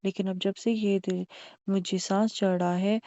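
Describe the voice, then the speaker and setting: A woman's voice: mid-range voice, little pitch movement, moderate pace, warm tone, no echo, lo-fi sound, lightly acted. A woman playing a worried housewife patient who gives polite, deferential short answers to a doctor. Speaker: simulated patient.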